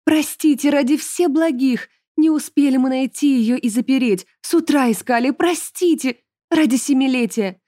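Lady doing a scared nanny begging, high pitched, dry sound. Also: moderate pace, warm tone, no echo. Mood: pleading. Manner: pleading, frantic. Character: frightened older woman servant, a nanny.

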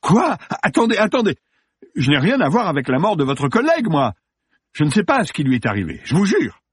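A man puts on a vain, easily rattled male film star in an audiobook. The voice sits well above the reader's own, loud and shrill, swinging wildly between scorn and panic. A husky edge and a dry, close sound. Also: very animated, moderate pace, no room sound. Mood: panicked. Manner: shrill, blustering then pleading. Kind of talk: audiobook character voice.

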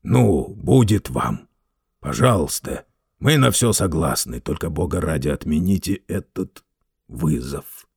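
A man voicing a gruff, bullying male crook who growls slow threats. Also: mid-range voice, level tone, no echo, studio quality, close to an everyday voice. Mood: pleading. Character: gruff bullying male crook, turning whiny when cornered.

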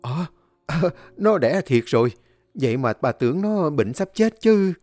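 A woman's voice: on the low side, sing-song, normal speed, mellow, dry recording, pitched above the performer's own voice. A fussy old granny, scolding and fretting as a male storyteller puts her on. Her voice sits well above the reader's own, close and dry with faint music behind. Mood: delighted. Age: older. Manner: scolding, wailing complaints. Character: fussy old woman, scolding yet tender.

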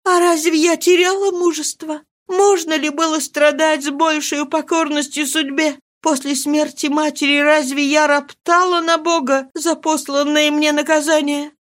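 A woman voicing a grief-stricken young noblewoman, speaking high and pleading in trembling despair. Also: flat delivery, normal speed, few pauses, natural voice. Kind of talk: audiobook character reading.

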